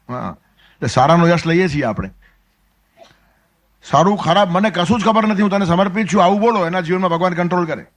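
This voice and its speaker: Man, Gujarati accent, spiritual sermon, fairly high voice, storytelling. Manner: storytelling, acts out dialogue with sudden drops to soft asides. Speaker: spiritual discourse speaker. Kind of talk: Gita discourse, sermon.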